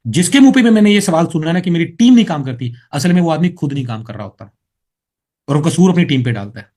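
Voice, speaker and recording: A man's voice: fairly high pitch, very animated, fast, warm tone. A middle-aged man from India giving a preachy motivational training talk that turns to scolding and storytelling. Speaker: business trainer.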